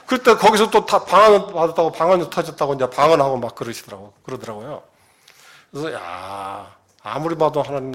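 A middle-aged man telling a personal faith testimony in an earnest, storytelling way. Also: on the high side. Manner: earnest storytelling, grows animated. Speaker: church member giving testimony.

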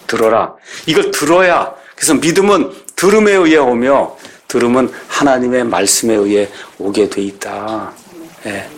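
A man's voice: mid-range voice, slight background noise. A middle-aged man preaching a sermon as a pastor, speaking conversationally and putting rhetorical questions to the congregation.

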